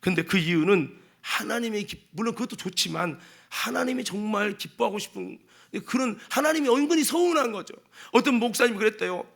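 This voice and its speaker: Animated, emphatic male pastor preaching. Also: high-pitched, a little fast, vocal fry. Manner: emphatic, acting out quotes, bursts of shouting. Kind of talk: Sunday sermon. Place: church sanctuary.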